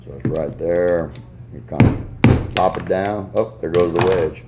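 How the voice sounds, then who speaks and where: A goose call maker with a Southern US accent gives a casual, folksy, step-by-step tuning demonstration. His voice is low and unhurried, and the recording is very noisy.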